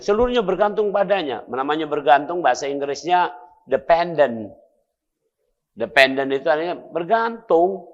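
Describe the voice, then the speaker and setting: A middle-aged man with a Palembang Malay accent, preaching a playful, lively sermon in a mosque. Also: a little high, dull audio. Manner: lively, playful, acts out dialogues.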